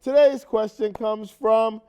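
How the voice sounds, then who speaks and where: A stage actor performing an indignant man with a high, bright voice, telling his story in a theatrical monologue. He is animated and emphatic and repeats himself for effect. He can also become a brash, sarcastic talk show host. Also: slow, clean tone, dull audio. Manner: animated, emphatic retelling with repetitions.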